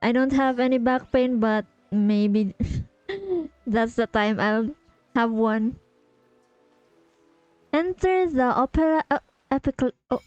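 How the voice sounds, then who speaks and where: A woman's voice: fairly high pitch, expressive, slow, darkish tone, no echo, highs cut off, soft background music. A woman streaming a video game, chatting casually and giggling while she talks to her viewers. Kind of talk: casual livestream commentary.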